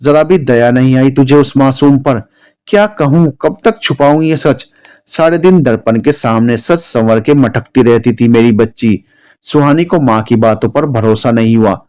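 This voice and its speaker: A storyteller with a mid-range, slightly mellow male voice narrates an emotional tale, voicing every character himself. He raises his voice for the women and during angry moments, in scripted narration with acted dialogue.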